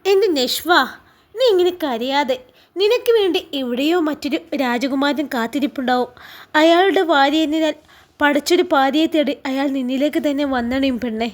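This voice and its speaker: A woman's voice: sits high, normal speed, lightly acted. A woman voicing a caring young woman friend who comforts and fondly scolds, with a Malabar Malayalam accent. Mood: consoling.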